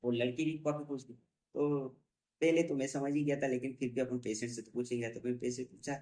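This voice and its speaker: A man, a homeopathy doctor, explaining a patient case in a teaching talk and slowly repeating technical terms. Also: medium pitch, steady tone, mellow.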